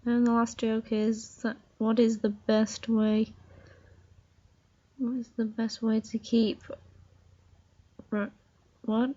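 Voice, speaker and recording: Hiccuping woman, slow casual vlog. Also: on the high side, flat delivery, dark tone. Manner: reads jokes aloud haltingly, laughs at own slips. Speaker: vlogger. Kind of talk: casual video chat. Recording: dull lo-fi home recording.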